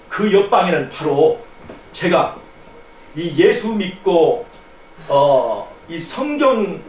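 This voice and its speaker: A man preaching a sermon and telling a personal testimony in an earnest storytelling manner, his voice dropping to a hush and then rising. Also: high-pitched. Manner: earnest storytelling, swinging from hushed to raised. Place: church hall. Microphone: distant room mic on a live stream. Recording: echoey church from a distance, faint noise.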